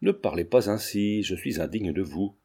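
A man's voice: low voice, animated, normal speed, mellow, slightly rough, pitched below the performer's own voice, heavily acted. A man voicing a shaken, despairing young woman who speaks in broken phrases.

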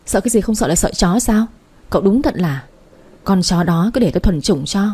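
A woman's voice: mid-range voice, expressive, fairly quick, warm tone, breathy edge. A woman voicing a cocky, joking young man in a storybook reading. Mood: brash. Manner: boastful, teasing.

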